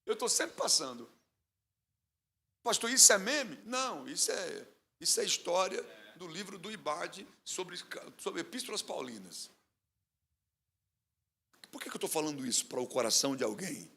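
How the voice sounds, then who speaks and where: A man's voice: sits high, big pitch swings, moderate pace, vocal fry, bright, forceful tone, slightly rough. A male pastor preaching a sermon with fiery delivery, asking questions and drawing answers from the congregation.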